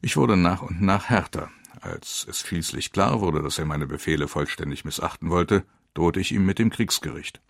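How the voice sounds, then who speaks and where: A man giving grave, measured first-person narration of a war memoir. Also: low-pitched, vocal fry, no echo, clean studio sound.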